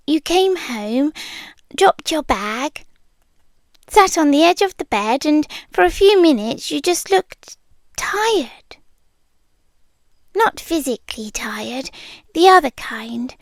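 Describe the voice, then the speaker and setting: A British woman plays a shy, smitten monster from under the bed in an ASMR roleplay, delivering an intimate monologue close to a dry microphone with no room sound. Her high, soft, breathy voice often drops into whispers, slow, hesitant and exaggerated. The mood is tender and caring.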